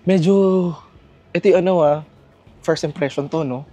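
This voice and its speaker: A young man from the Philippines vlogging casually to camera from his lodging, telling a travel story in an animated way with laughs. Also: a little high, normal speed, faint music behind. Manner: chatty, animated storytelling with laughs and self-mocking asides. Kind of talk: casual vlog talk to camera.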